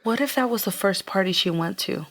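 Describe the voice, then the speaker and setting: A woman co-hosting a podcast in casual, animated chat, spinning theories and laughing often. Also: medium pitch, brisk. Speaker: podcast co-host.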